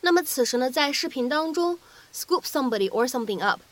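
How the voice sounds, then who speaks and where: A woman whose first language is Chinese teaches English pronunciation, explaining each sound and slowly repeating phrases for practice. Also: high voice, expressive, low-quality recording. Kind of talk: explanatory lesson narration.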